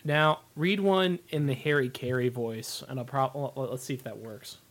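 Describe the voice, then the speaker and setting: A man's voice: mid-range voice, normal speed, a bit bright. A man co-hosting a comedy podcast, teasing and giggly. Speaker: podcast co-host. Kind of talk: casual comedic chat.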